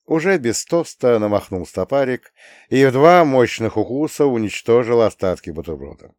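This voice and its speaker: A man's voice: medium pitch, lively intonation, moderate pace, darkish tone, no room sound, studio quality. A man narrating an audiobook in a wry, ironic manner.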